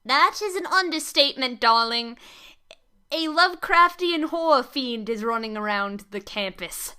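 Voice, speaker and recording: A woman hosts a let's play, gushing over the characters with playful, theatrical commentary. Her voice is very high and bright. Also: animated, measured pace, smooth. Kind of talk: excited game commentary.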